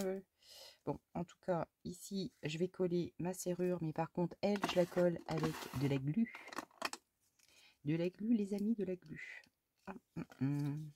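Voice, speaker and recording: Husky-voiced woman chatting while crafting. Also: on the low side, mellow. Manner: chatty, mutters to herself and exclaims at mishaps; talks fondly to her cat between steps. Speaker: scrapbooking crafter. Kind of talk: casual crafting vlog chat.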